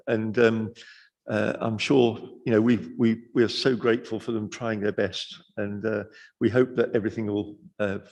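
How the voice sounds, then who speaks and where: Male mayor chairing, earnest, halting with fillers, long chamber reverb. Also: mid-range voice, darkish tone. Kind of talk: formal chairing and remarks. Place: council chamber.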